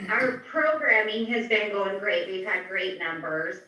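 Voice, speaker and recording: A woman giving a slow report with small laughs over a video call whose audio keeps breaking up. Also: medium pitch, bright, forceful tone, heavy reverb, far from the mic, rough recording. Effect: choppy video-call audio that keeps cutting out. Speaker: library staff reporting to council. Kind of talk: remote meeting report.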